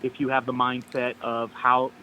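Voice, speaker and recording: Over a speakerphone line with a little background noise, a male caller gives upbeat, step-by-step tips in a relaxed conversation. His medium-pitched voice is completely flat and sharp in tone, at a moderate pace.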